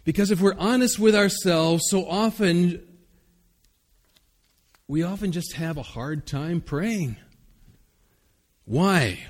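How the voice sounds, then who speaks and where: A man's voice: sits high, slow, pauses often, in a large hall. A male pastor preaching an earnest, conversational sermon with occasional fillers.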